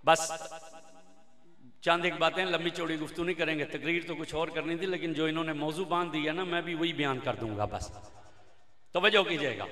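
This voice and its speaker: A man preaching an emotional religious sermon, chanting refrains and building to impassioned shouting. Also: a little high, brisk. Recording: echoey hall reverb.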